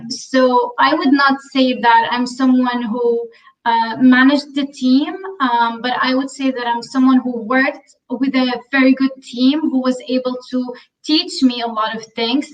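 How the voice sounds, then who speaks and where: A woman from Syria, a podcast guest, speaking thoughtfully with many ums and pauses. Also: high voice, fairly even intonation, far from the mic, rough recording. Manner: thoughtful, many ums and uhs, self-questioning. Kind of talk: conversational interview.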